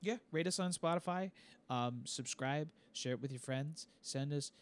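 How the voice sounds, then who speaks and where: A man's voice: on the high side, normal speed. Rambling young man co-hosting a podcast. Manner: rambling, self-deprecating, jokey. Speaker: podcast co-host. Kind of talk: casual podcast chat.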